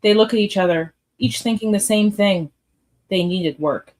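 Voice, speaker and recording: A woman's voice: mid-range voice, normal speed, darkish tone. A woman narrating a radio theatre piece, reading scripted stage directions.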